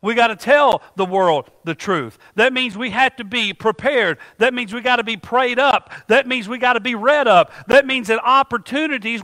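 A pastor with a very high, sharp voice leads his congregation through a call-and-response sermon, asking them to complete his lines. The church sanctuary gives his words a big-room sound.

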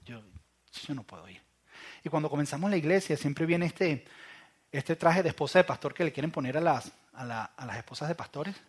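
Male pastor, sermon delivery: husky tone, emphatic and repetitive, quiet intense asides. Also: a little high, brisk. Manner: emphatic, repetitive, drops to soft hushed lines for emphasis.

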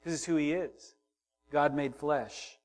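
This middle-aged pastor's voice is fairly high and a little slow as he delivers a sermon. He moves from quiet, hushed stretches to loud emphasis, voicing the figures in his story.

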